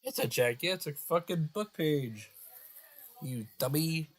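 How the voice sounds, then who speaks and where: A man's voice: on the high side, animated, slow pace. A man giving crude, sarcastic reaction commentary on a video, stuffed up and nasal from a cold. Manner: crude, sarcastic, swears often, muttering asides.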